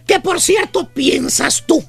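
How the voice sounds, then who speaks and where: A Mexican man hosts a radio comedy bit in a strikingly high, squeaky voice. His tone is bright and a little gravelly, and he keeps the storytelling broad and exaggerated. Music plays softly behind him. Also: lively intonation, moderate pace. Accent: Mexican Spanish. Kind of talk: comic radio monologue.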